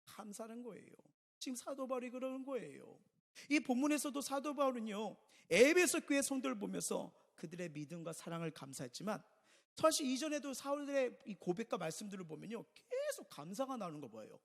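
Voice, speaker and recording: A middle-aged man delivers a Sunday sermon in a high, very animated voice that swings up and down as he presses his points. He asks rhetorical questions and repeats key lines. The sound has a gravelly edge and carries the long reverb of a church sanctuary. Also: brisk. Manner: emphatic preaching with rhetorical questions and repetition. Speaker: pastor.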